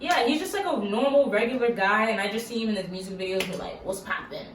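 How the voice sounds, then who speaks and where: A woman's voice: a little high, fast talker. A young woman from Massachusetts, chatting casually and giggly in a Q&A vlog, filled with "like". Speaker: YouTuber. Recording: echoey room, mic at a distance, faint hiss.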